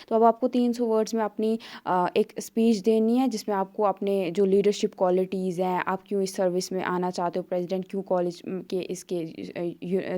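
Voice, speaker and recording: A woman teacher walking through an exam paper step by step, reading English questions slowly with an Indian English accent. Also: lowish voice, dark tone. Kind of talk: exam paper walkthrough lesson.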